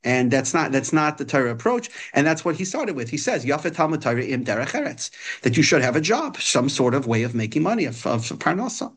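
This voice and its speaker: A man's voice: mid-range voice, sing-song, brisk, husky. Man teaching. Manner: hesitant, repeats and restarts phrases while explaining. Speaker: religious teacher. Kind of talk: informal religious text lesson, reading and explaining.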